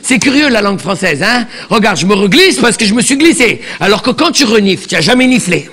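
On a theatre stage, a man performs live stand-up character comedy as a chatty, bossy elderly grandmother who repeats words and scolds the audience. His voice sits high and sing-song, fairly quick, pushed and bright, and heavily acted.

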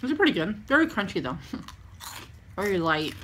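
A woman's voice: mid-range voice, very animated, fairly quick, slight background noise. A woman vlogger eating on camera in a massage clinic room, talking through a mouthful of chips between bites. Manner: chewing loudly between short remarks. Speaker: mukbang vlogger. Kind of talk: casual eat-with-me chat.

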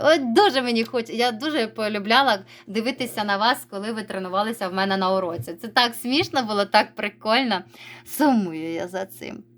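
A woman teacher giving a recorded reading lesson to young children, praising them and slowly drawing out words as she models reading. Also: a little high, a bit bright. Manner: encouraging, sing-song, stretches words slowly when modelling reading. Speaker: primary school teacher.

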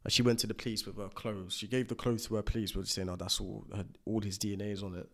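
Laid-back low-voiced man. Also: flat delivery, quick pace. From United Kingdom. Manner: laid-back, slangy, joking. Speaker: podcast co-host. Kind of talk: casual chat.

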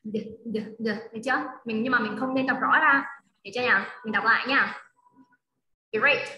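A woman tutor with a high, bright voice leads a child through English drills. She is patient and coaxing, saying words over and over. The sound comes through a video call from a room with a noticeable echo. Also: steady tone, moderate pace. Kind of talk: one-on-one online lesson with a child.

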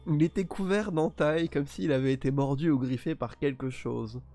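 A man streaming a solo tabletop game, reading dark narration aloud and breaking off for playful, mock-defensive asides. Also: a little high, normal speed.

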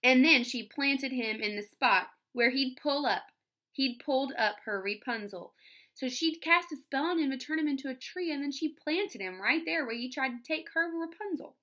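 A woman's voice: high voice, lively intonation, moderate pace, bright, forceful tone. A woman teacher reading a fairy tale aloud to young children, stopping to explain words and ask the class questions. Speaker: first-grade teacher.

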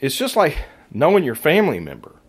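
A hoarse, raspy-voiced man hosting a casual faith podcast, talking in a laid-back, slangy, self-deprecating way. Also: fairly high pitch, wildly swooping pitch, a little fast. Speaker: podcast host.

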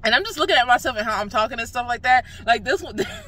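Her voice is fairly high, expressive, pushed and bright, and she talks rapid-fire. This young vlogger is ranting casually from her car with slurred speech, since dental work has left her mouth numb and swollen, and she swears freely and laughs at herself.

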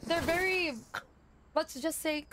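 A young woman casting an esports match in casual, excitable commentary with gasping reactions. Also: very high-pitched, takes it slowly, background noise. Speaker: esports co-caster.

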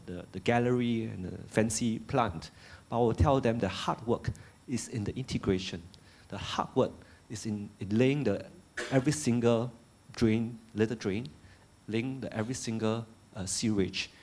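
A man's voice: fairly low pitch, darkish tone, slightly rough. A man speaking on a panel in a large hall, earnest and holding a handheld mic, often repeating words as he searches for phrasing. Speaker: panelist, Singapore official. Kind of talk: panel discussion answer. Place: large lecture hall on stage. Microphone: handheld microphone.

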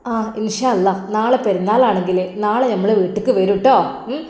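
A woman voicing an affectionate older widowed grandmother who coaxes her granddaughter softly. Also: medium pitch, fairly quick, natural voice. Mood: tender, coaxing. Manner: soft coaxing, affectionate endearments. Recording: roomy echo.

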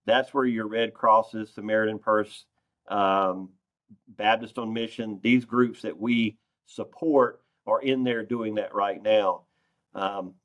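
Speaking from a wood-paneled conference room, a man who heads a farm organization gives sincere, straightforward interview answers by video call. His voice is fairly low, and the computer microphone cuts off the highs.

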